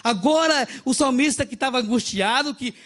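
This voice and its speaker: Brazilian male preacher, high voice, chatty storytelling sermon. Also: normal speed. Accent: Brazilian Portuguese. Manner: conversational, addresses listeners as brother, animated storytelling. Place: church in Japan.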